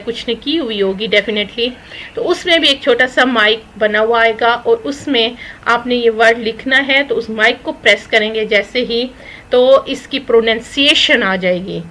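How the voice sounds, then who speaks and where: Bright-voiced woman teaching spoken English. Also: a little high, low-quality recording. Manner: reads English phrases slowly and explains them in Urdu; mixes English words into Urdu. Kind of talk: recorded spoken English lesson.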